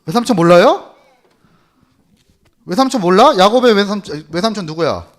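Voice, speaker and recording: Male children's preacher, animated storyteller; fairly high, swinging pitch. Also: moderate pace. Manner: lively, quizzes the children.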